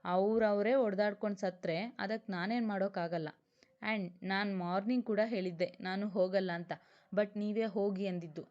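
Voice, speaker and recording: A woman's voice: mid-range voice, steady tone, normal speed, a little mellow, close to an everyday voice. Grieving young cop, read by a woman. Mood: defiant. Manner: anguished pleading, then blunt and defiant. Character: young male police officer, grieving and vengeful. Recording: dull lo-fi recording.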